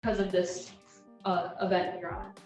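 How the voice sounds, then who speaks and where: A woman arguing for the prosecution in a measured, formal way, heard on a courtroom recording. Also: lowish voice, flat delivery, darkish tone. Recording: echoey distant courtroom recording with faint music.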